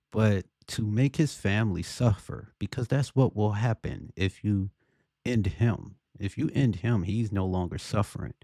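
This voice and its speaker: A man giving casual opinion commentary on a video, deliberately, often checking for agreement with rhetorical questions. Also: lowish voice, mellow, dry recording, studio quality.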